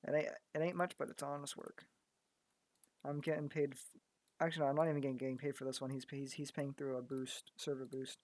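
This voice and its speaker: A man's voice: medium pitch, little pitch movement, fairly quick, a little mellow, no echo. A man giving casual commentary while he works on a digital art piece. He thinks aloud and often repeats words, and his voice is going because he is losing it. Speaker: graphic artist.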